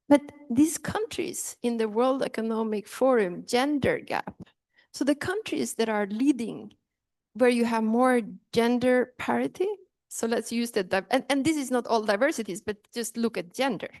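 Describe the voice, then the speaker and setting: A woman's voice: fairly high pitch, normal speed, a little mellow, no room sound. A middle-aged woman from Norway with a Norwegian accent, giving an earnest talk and often restarting her sentences. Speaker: speaker on inclusion. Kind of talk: talk to an audience.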